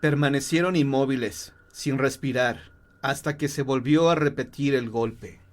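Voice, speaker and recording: A man narrating a horror tale in a measured, grave storytelling voice. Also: mid-range voice, noisy background.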